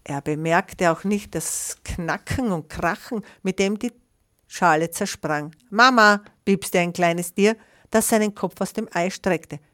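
A woman reading a children's picture book aloud in a lively way, pausing to describe the pictures. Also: fairly low pitch. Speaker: storyteller.

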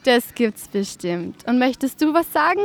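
A woman's voice: a little high, very animated, unhurried. A woman radio reporter at a children's festival, asking children friendly, encouraging questions. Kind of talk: event interview with children.

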